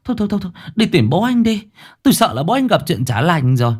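A man voicing a distraught older village woman, a grieving widow, with a shrill, wailing voice. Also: very animated, fast, darkish tone, breathy edge, heavily acted. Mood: urgent.

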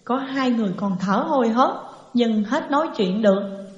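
A woman's voice: fairly high pitch, lively intonation, moderate pace, lightly acted. A woman reader voicing a grieving young widow who tearfully recounts her husband's death. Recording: muffled echoey hall reverb.

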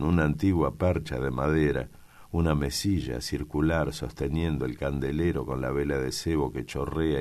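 A male audiobook reader from Argentina. His voice sits extremely low, and he tells the story in a steady, measured way. It is careful literary narration.

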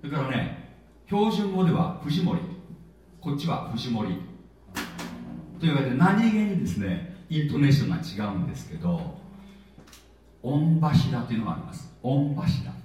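A man preaching a sermon in a chatty, lively way, with plenty of filler words. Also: a little high, normal speed. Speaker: pastor. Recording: echoey hall, voice from far off.

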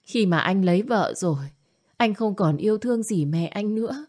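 A woman's voice: medium pitch, expressive, moderate pace, a little mellow, voice pushed up, lightly acted. A woman voicing an older, domineering mother who scolds and wails in self-pity. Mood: wailing. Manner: scolding, nagging, wailing.

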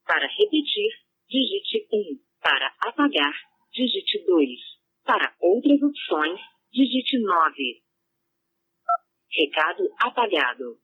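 A woman voicing an automated voicemail system, with a flat, mechanical delivery. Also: mid-range voice, slow, pauses often, husky, full character voice. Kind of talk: automated phone menu. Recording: tinny phone line.

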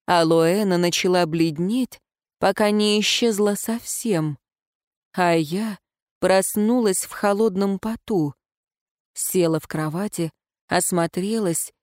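A woman reading a first-person story aloud in an even, reflective narration. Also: on the low side, slow pace, no echo, clean studio sound. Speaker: audiobook narrator.

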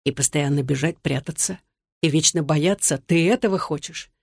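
A weary, hunted man speaks low and soothingly , as the audiobook narrator puts him on. The storybook reading is close and dry, with no room echo. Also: normal speed, gravelly.

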